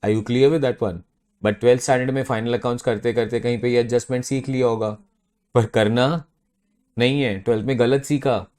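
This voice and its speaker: A man's voice: mid-range voice, fairly even intonation, normal speed, darkish tone. A man giving a classroom accounting lecture, stressing key terms and often checking that students follow. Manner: emphatic, mixing Hindi and English, checks understanding often.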